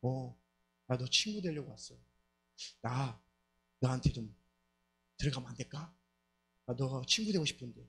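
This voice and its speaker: A male pastor voicing a sweet-talking demon spirit that coaxes a lonely woman to befriend it, in a hushed, coaxing manner. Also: medium pitch, lively intonation, normal speed, pauses often, slight background noise, pitched below the performer's own voice. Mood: wheedling.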